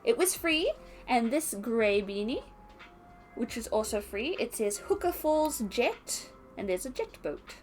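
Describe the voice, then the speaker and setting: A young woman with an Australian accent chatting casually on a stream, animated and laughing often. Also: measured pace, faint music behind. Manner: chatty, reads chat aloud, laughs often, animated with pitch jumps. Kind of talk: casual chat while unboxing.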